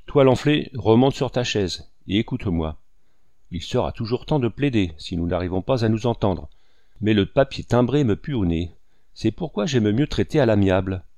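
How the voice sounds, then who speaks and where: A blunt old army colonel barks out his terms, as a male audiobook reader puts him on. He has a low, gruff, commanding voice that cuts people short. It is recorded close and dry, with no room sound. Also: expressive, normal speed, warm tone, no room sound. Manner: brusque, commanding. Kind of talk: audiobook character reading.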